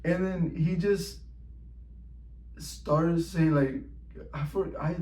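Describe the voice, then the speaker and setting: A man's voice: on the high side, fairly even intonation, slow pace, a little mellow, roomy sound, rough recording. A man telling a personal story in a loose, slangy way, peppered with "like" and "bro" and plenty of swearing. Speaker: vlogger. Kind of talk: casual storytime monologue.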